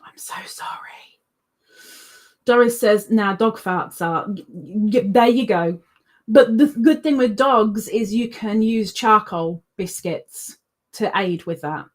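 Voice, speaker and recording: A woman's voice: medium pitch, slow pace. A woman hosting a crochet livestream, chatting casually and reading viewer comments aloud, rambling with ums and self-corrections.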